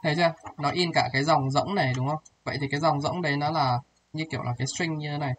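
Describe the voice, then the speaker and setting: Guy tutoring coding, thinks out loud, keeps asking if u get it, music going behind. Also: on the high side, steady tone, fast, low-quality recording. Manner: thinks aloud while typing, checks understanding often. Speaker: programming tutor. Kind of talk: casual one-on-one coding tutorial.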